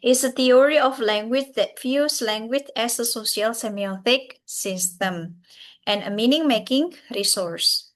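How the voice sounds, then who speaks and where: With a slightly high voice, a woman lecturer from Central Java, Indonesia, speaks English in a Javanese accent during a recorded university lecture. She pauses often on "uh" and "yeah," and she addresses her students as everyone.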